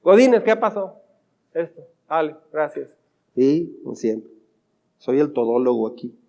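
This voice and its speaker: A man's voice: high-pitched, big pitch swings, brisk, mellow, muffled recording. A man voicing a weary, put-upon male office worker who mutters in a resigned way, with long church reverb. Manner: resigned, muttering under his breath.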